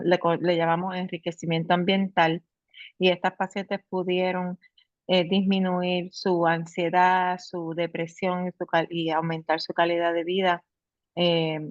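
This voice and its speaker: A woman's voice: lowish voice, no echo. Woman hosting, dull lo-fi sound. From Puerto Rico. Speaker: host. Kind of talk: online talk moderation.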